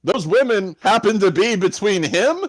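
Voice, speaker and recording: A man's voice: sits high, animated, moderate pace, dry recording, rough recording. A man co-hosting a podcast, telling a story in loose casual chat, swearing often and laughing between lines. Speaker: podcast co-host.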